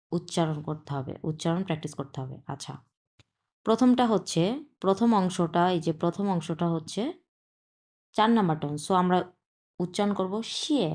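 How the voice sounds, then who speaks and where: A woman's voice: lowish voice, darkish tone. A woman with a Bangladeshi Bengali accent teaching an online language lesson, patiently explaining step by step and repeating sounds for practice.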